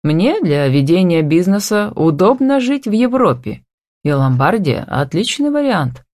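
A confident, wealthy businessman talks in a lazy, playful drawl, teasing and giving orders, as a woman reading an audiobook voices him. Her voice sits low, and the recording is dry and close with no room sound. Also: big pitch swings, measured pace, a little mellow, no echo.

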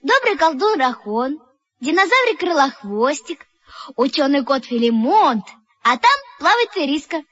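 A plucky little storybook girl with a very high, piercing voice that leaps all over the place, put on by a man. She sounds bright and excited. The sound is slightly muffled and dry, with soft music behind her. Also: unhurried, heavily acted. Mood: eager. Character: bold cheerful little girl.

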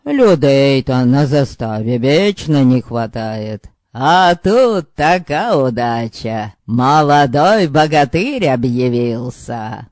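A man's voice: mid-range voice, very animated, slow pace, a little mellow, no room sound, studio quality. A male narrator voicing a folksy older village man who drawls and mixes in Ukrainian words. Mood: wry.

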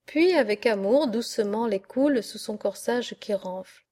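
A woman narrating a literary audiobook in a measured, expressive reading. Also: on the high side. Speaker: audiobook reader.

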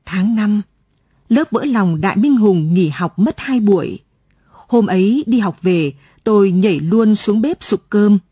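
A woman reading a story aloud as scripted late-night narration, in a calm, even manner. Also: mid-range voice, unhurried, breathy edge, no echo. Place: radio studio.

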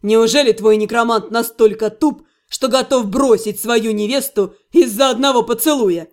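A woman's voice: fairly high pitch, moderate pace, a little mellow, voice pushed down, lightly acted. A woman reading an audiobook, voicing a brash, cocky male orc who teases and mocks. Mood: mocking. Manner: smug, teasing.

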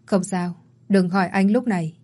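A curt, arrogant rich young man from a storybook, voiced by a woman narrator. He talks clipped and cold at an ordinary middle pitch. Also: moderate pace, darkish tone, breathy edge, natural voice.

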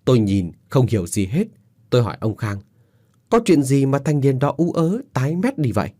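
A man narrating a ghost story, voicing the characters with dramatic shifts in loudness. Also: mid-range voice, sing-song, normal speed.

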